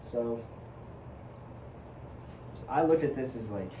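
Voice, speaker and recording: A man's voice: mid-range voice, animated, slow pace. A twenty-one-year-old man from Uganda, a podcast guest talking casually, chatty and hesitant with lots of fillers and restarts. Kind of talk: casual conversation. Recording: echoey room with background noise.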